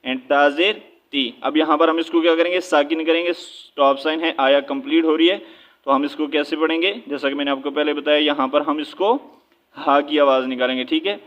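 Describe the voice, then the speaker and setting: A man gives a step-by-step Quran recitation lesson, fairly high-pitched and flat in tone. He explains in quick asides and then draws out each syllable slowly. The recording sounds dull and lo-fi. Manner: checks in with frequent "theek hai". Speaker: Quran teacher.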